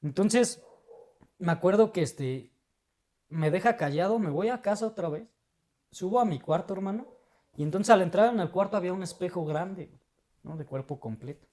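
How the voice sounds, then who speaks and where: High-voiced Mexican man telling his story. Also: lively intonation, normal speed, long pauses, a little mellow. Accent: Mexican Spanish. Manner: emotional, slangy, fills every phrase with a tag word. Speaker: guest. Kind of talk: casual personal storytelling.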